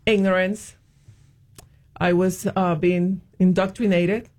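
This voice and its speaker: Slow and slightly mellow, with a fairly low pitch that barely moves, a hesitant woman guest from Puerto Rico describes her faith in an interview. She frequently uses ums and restarts her sentences.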